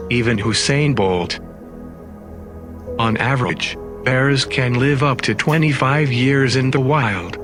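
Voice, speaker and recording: A man reading scripted narration in the manner of a nature documentary. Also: medium pitch. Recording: music under the voice. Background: background music.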